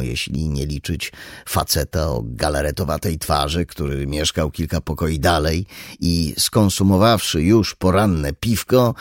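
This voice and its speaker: A man narrating an audiobook in an expressive, dramatic reading style. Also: low voice, vocal fry, dry recording, studio quality. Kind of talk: scripted narration.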